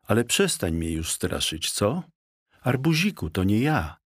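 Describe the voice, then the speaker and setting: A man voicing a timid male guinea pig who talks in a squeaky, nervous way. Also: sing-song, unhurried, breathy edge, no echo, studio quality, full character voice.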